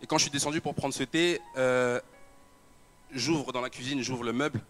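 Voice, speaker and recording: A man's voice: medium pitch, steady tone, normal speed, a bit bright, soft background music. A young man giving a personal testimony, telling his story with many repetitions and fillers. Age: young adult. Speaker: church member giving a testimony. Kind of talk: personal testimony told to an audience.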